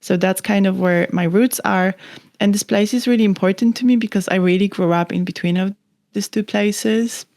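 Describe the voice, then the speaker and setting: A woman's voice: mid-range voice, normal speed, darkish tone, no echo. A young woman from Poland talks as a podcast guest in a dry, close recording. Her mid-range voice rambles thoughtfully, full of "like" and restarts. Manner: thoughtful, rambling, many "like" fillers. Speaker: photographer guest. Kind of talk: casual interview chat.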